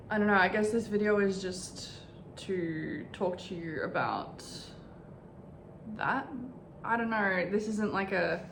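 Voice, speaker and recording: Woman, twenties, unhurried and candid, reflective vlogger talking from her bedroom, mid-range voice. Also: medium pitch, a bit bright, reverberant, slight background noise. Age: 20s. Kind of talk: casual personal vlog. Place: bedroom in her new home.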